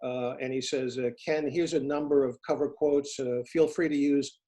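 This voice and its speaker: A middle-aged man from the United States, telling stories as an interview guest in an earnest, halting way with many restarts. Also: medium pitch, fairly even intonation, mellow. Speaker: interview guest, former FBI agent turned private investigator. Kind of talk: casual interview, storytelling.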